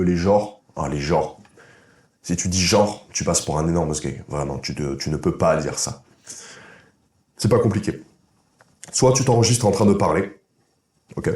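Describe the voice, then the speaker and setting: A man's voice: low-pitched, darkish tone. A man coaching viewers in a direct-to-camera vlog, blunt and informal, speaking to the viewer as a buddy and checking in with "ok?". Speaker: masculinity and dating coach. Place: indoor room. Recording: echoey room.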